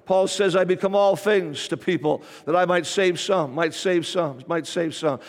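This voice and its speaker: A man's voice: high voice, moderate pace. A man preaching a sermon as pastor, repeating his phrases with emphasis. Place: church sanctuary. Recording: reverberant church hall.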